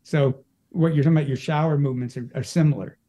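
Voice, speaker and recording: In a casual interview, a male energy practitioner talks about his work as a guest, often restarting himself. He talks fast in a mellow, higher-than-average voice with fairly even intonation.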